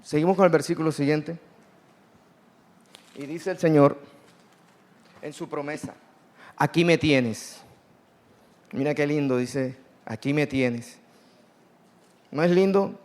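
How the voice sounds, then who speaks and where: A man preaching a sermon, swinging from hushed, slow phrases to loud, drawn-out calls. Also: a little high. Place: church hall. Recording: long hall reverb.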